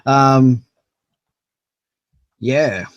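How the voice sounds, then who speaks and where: A man's voice: medium pitch, very slow, no room sound, lo-fi sound. A man, co-hosting a casual film review, easygoing and hesitant with frequent restarts. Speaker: film review podcast co-host.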